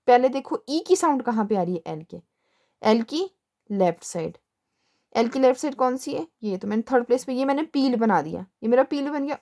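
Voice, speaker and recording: This is a classroom lesson on shorthand from a young woman whose voice is fairly high and a little mellow. She explains step by step, patiently posing and answering her own questions and repeating "ठीक है".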